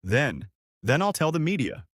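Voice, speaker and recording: A man voicing an indignant, exasperated young man in a storybook reading, his protests pushed up high and strained. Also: sing-song, moderate pace, dry recording, clean studio sound. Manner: protesting in raised, strained outbursts.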